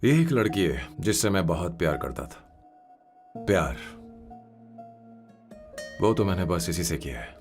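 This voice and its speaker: A man's voice: deep voice, very animated, a little slow, gravelly, pauses often, soft background music, heavily acted. An actor playing a lovesick young male hero in a dubbed film, pleading and then indignant. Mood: tender.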